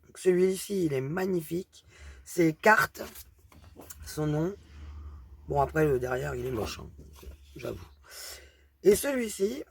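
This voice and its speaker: A woman's voice: deep voice, animated, slow, gravelly, long pauses, slight background noise. A woman with a thick regional accent chatting hesitantly through a craft haul, with plenty of fillers. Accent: strong regional accent. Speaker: craft vlogger showing a haul. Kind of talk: casual product show-and-tell.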